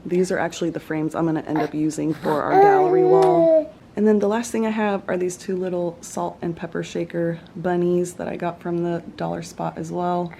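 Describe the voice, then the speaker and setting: A woman's voice: lowish voice, moderate pace, creaky, noisy background. A young woman, chatting casually in a home vlog. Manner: chatty, relaxed, Southern "y'all". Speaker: vlogger. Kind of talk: casual vlog talk to camera. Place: home living room.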